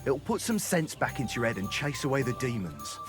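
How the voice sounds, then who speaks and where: A man's voice: medium pitch, sing-song, brisk, over music, natural voice. A man playing a rowdy, bawdy troubadour. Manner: crude, boisterous, mocking. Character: bawdy, boozy male troubadour, crude and cheerful. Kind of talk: video game cutscene acting.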